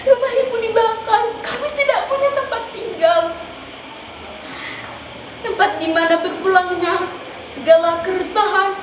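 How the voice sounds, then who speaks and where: Playing a grief-stricken, fatherless young woman in the mold of a tragic heroine, a very high-voiced actress delivers declamatory lines broken by dramatic pauses. Her monologue sounds far from the mic, with echo and obvious room noise.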